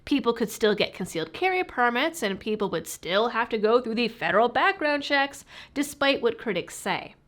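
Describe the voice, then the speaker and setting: A woman hosts political commentary while sick with a cold, her voice muffled and stuffy as though through a fishbowl. Her pitch sits on the high side and moves in lively, animated swings. She delivers scripted lines with a pointed, sarcastic edge. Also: moderate pace, few pauses. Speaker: political commentary channel host.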